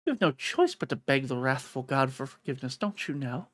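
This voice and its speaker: A woman's voice: a bass voice, very animated, a little fast, exaggerated voice. Woman playing the Mad Hatter, theatrical and scolding. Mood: admonishing.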